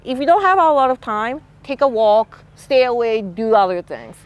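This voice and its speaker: In a muffled recording with soft music behind, a middle-aged woman with a Japanese accent speaks at a moderate pace in a slightly high voice. She's a freelance illustrator giving relaxed, thoughtful interview-style talk to camera, full of "you know" and "like".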